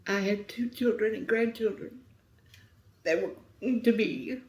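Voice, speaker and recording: A middle-aged woman telling a painful story as an interview guest, speaking softly and sometimes near a whisper. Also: mid-range voice, a little slow. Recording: roomy echo.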